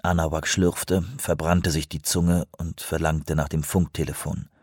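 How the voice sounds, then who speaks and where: A man reading an audiobook in a steady, even narration. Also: very deep voice, measured pace, dry recording, studio quality. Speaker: audiobook reader. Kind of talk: scripted narration.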